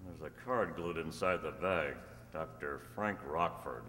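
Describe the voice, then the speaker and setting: With a bass voice at a measured pace, a man plays a kindly, commanding masked cowboy hero in an old-time radio western, speaking calmly, declaratively, and reassuringly. The heavily acted performance has a sharp tone and is captured on a stand microphone on an echoey hall stage, with a little hiss or hum.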